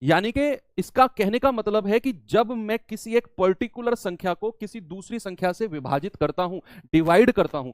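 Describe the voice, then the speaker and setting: A man gives a maths lesson in a high, clear voice, recorded close and dry. He walks through each step, repeats the key terms, and now and then answers in the voice of his students. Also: no echo. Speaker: maths teacher. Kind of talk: classroom maths lecture.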